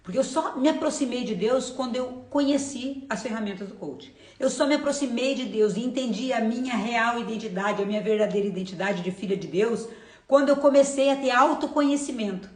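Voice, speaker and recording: A Brazilian Portuguese-accented woman testifies about her faith on a live stream, informal and effusive, repeating brief phrases and calling everyone "gente." Her fairly high voice has a darkish tone and moves a little fast, with reverberant audio from a camera or phone setup.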